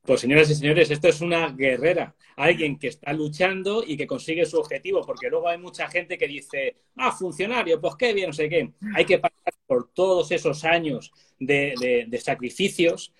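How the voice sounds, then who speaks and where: A man's voice: on the high side, moderate pace, hardly any pauses, fairly bright tone, slightly rough. A man hosting an interview, asking long, encouraging questions. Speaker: interviewer, host. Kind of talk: conversational interview.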